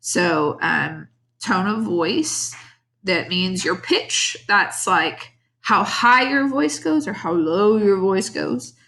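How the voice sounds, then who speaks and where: Bright-voiced woman teacher, casual. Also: medium pitch, animated, takes it slowly, creaky. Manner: casual, explanatory with fillers. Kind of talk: online class lesson.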